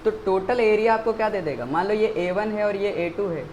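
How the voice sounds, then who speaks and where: High-voiced Indian man teaching maths. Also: normal speed, a little mellow, slight background noise, low-quality recording. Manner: asks the class questions and answers them himself; repeats key words for emphasis. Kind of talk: classroom maths lecture.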